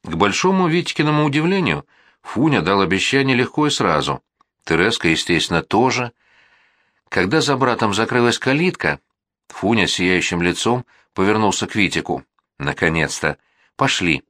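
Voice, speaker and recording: A man narrating a children's story as an audiobook in an even storytelling manner. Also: lowish voice, normal speed, no echo, clean studio sound.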